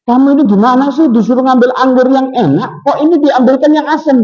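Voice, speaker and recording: Man playing vineyard boss, middle-aged, impatient, scolding, raised pitch, lo-fi. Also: fast talker, darkish tone. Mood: annoyed.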